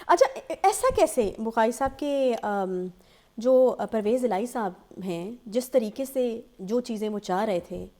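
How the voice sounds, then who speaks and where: A woman from Pakistan hosts a studio talk show with a fairly high voice. She presses her guest with pointed questions and keeps up a steady stream of short acknowledgements. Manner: probing, interjects often with short acknowledgements.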